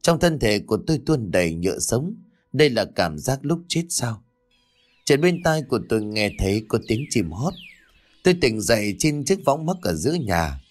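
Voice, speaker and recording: A man narrating a first-person ghost story in a calm, steady storytelling voice. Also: medium pitch, moderate pace.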